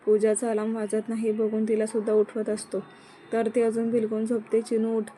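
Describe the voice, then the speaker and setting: Female storyteller, slightly high voice, flat and even, measured scripted reading. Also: slight background noise. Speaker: narrator.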